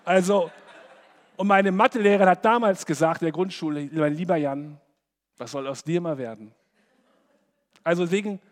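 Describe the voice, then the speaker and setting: Higher-voiced man preaching in a hall. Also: normal speed, pauses often. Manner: conversational, animated, acts out imagined quotes. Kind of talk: sermon to young people.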